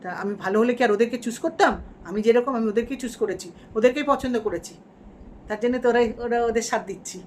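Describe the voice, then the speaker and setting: A woman's voice: on the high side, fast talker, a little mellow, slight background noise, close to an everyday voice. A woman playing a boastful, shameless female vlogger villain who gloats in mock-defiant rants during a parody livestream. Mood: gloating.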